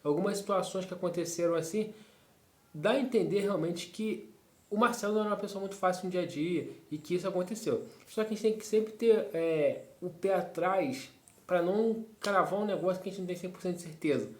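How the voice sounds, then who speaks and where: A man's voice: sits high, brisk, a little mellow. A man hosting a football fan channel, talking through club news in casual commentary, rambling with fillers and tag questions. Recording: roomy echo.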